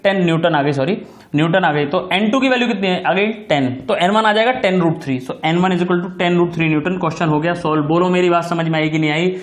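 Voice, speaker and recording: High-voiced man teaching physics, echoey room. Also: brisk. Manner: keeps checking in with students, repeating key phrases; affectionate address to students. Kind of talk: recorded classroom lecture.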